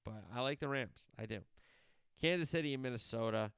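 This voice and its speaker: A man's voice: medium pitch, brisk, fairly bright tone, clean tone, no room sound, clean studio sound. A man hosting a solo sports podcast, previewing games in a rambling way, wandering off on tangents and correcting himself as he talks.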